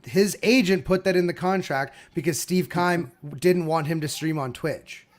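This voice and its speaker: A man's voice: a little high, moderate pace. A man in a casual sports debate, heated and swearing freely, often repeating himself.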